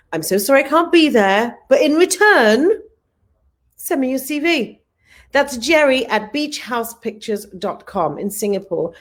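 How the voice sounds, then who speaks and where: A woman hosting a live online show, gushing with thanks and cheerful sign-offs. She talks in an upbeat, effusive way. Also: medium pitch. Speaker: host.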